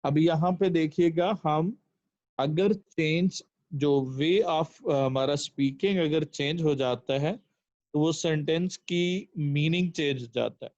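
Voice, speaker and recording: A male English teacher giving a lesson in Urdu, speaking deliberately and repeating each translation, on a dull lo-fi recording. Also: a little high, darkish tone, no echo. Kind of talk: language lesson explaining English sentences in Urdu.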